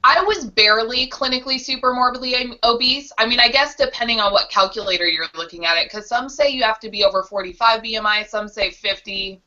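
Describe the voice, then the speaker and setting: A woman's voice: fairly high pitch, fast talker, hardly any pauses, sharp tone. A woman co-hosting a casual web show, joking and laughing often. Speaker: co-host. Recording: dull lo-fi webcam audio.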